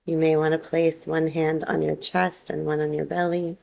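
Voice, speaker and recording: In a low-pitched voice with vocal fry, a woman teaches yoga nidra. She leads a relaxation meditation calmly and without hurry, instructing gently.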